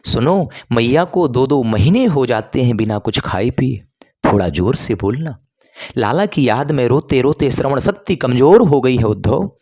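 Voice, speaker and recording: A man voicing helpful village folk who gently give a traveler directions. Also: mid-range voice, expressive, a little slow. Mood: instructive. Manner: explaining, gently instructive.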